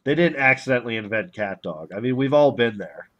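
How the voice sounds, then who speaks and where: A man co-hosting a podcast in casual chat, joking around and mumbling quietly while he draws. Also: mid-range voice, lively intonation, a little fast, dull audio. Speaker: podcast co-host and artist.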